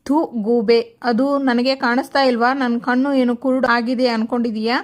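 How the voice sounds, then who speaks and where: A woman voicing a bossy, sharp-tongued old grandmother in a serial recap. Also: on the high side, flat delivery, moderate pace, lightly acted. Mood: scolding.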